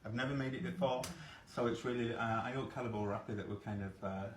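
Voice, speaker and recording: A man with a Northern English accent demonstrating a cake recipe in a kitchen, relaxed and hesitant with many fillers. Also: medium pitch, fast. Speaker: baker demonstrating. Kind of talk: casual cooking demonstration. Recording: echoey kitchen, loud background noise.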